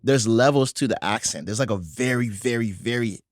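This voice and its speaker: A man's voice: mid-range voice, brisk, no room sound, studio quality. A man, talking casually as a guest on a podcast.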